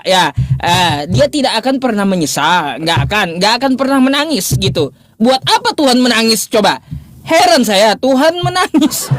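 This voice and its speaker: A man quizzing an opponent in a relaxed livestream debate, his pitch leaping high and low as he mocks and presses the point. He talks loosely, pausing to think aloud and hunt for his notes before pushing his question again. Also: slight background noise. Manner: mocking, incredulous questioning with frequent laughs; animated pitch swings, thinks aloud while searching notes.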